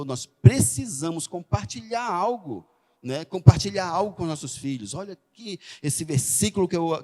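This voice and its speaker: A middle-aged man gives a sermon in a loose, conversational way, punctuating his stories with quick questions to the congregation. His voice sits a little high for a man. The sound rings with the long reverb of a church hall. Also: a little mellow. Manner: conversational, frequent "né?" tag questions. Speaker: preacher. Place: church sanctuary.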